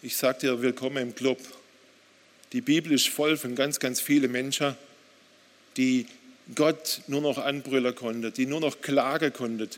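A man's voice: medium pitch, steady tone, moderate pace. A man preaching a sermon, speaking straight to the listener with questions and reading quoted passages with growing intensity. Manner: direct, addresses listener with questions; reads quotes aloud with rising intensity. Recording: long hall reverb.

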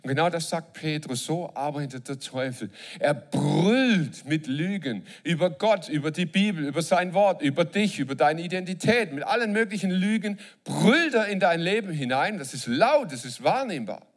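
A man's voice: on the high side, normal speed, hardly any pauses. A man preaching a sermon to a live congregation, joking and asking the audience questions. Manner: lively, jokes and asks the audience questions.

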